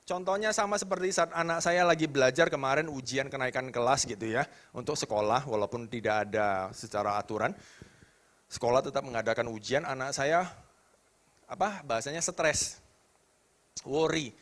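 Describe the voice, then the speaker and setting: A man in his thirties preaching to a youth congregation, animated, asking the crowd questions. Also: medium pitch, moderate pace. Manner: animated, rising to loud emphatic questions, drops to soft tender tones. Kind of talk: sermon to youth.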